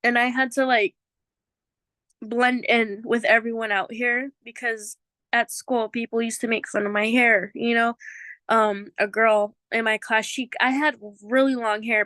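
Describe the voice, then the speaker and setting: A woman's voice: fairly high pitch, bright, forceful tone, no room sound. A woman whose first language is Chamorro, sharing personal experience as a learner in an earnest, emotional, informal way. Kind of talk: heartfelt personal testimony in casual talk.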